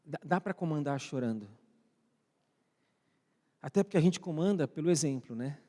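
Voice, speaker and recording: A Brazilian pastor leads a conversational sermon, posing frequent questions to those present and speaking to online viewers at home. His dark-toned voice is on the high side, with lively intonation at a normal speed, and the church hall adds long reverb.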